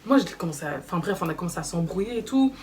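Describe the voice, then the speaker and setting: A young woman telling a story in a casual vlog, animated and slangy, acting out quoted dialogue. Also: lowish voice, racing. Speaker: vlogger. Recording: slightly distant mic with faint background noise.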